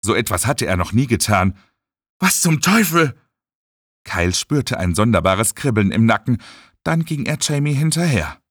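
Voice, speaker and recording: A man reading an audiobook as narrator in a dramatic, expressive way. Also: lowish voice, normal speed, no room sound, studio quality. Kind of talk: scripted narration.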